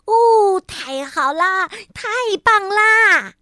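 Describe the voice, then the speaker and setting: Woman doing an excitable little frog boy. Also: high voice, unhurried, dry recording, clean studio sound, exaggerated voice. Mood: excited. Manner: excited, exclaiming. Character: lively young frog boy, stubborn and excitable.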